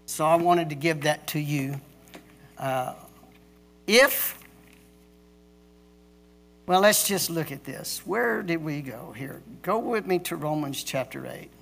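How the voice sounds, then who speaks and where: A middle-aged man preaching a sermon as pastor, emphatic, with pauses and restarts. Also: fairly high pitch, animated, creaky, a bit bright.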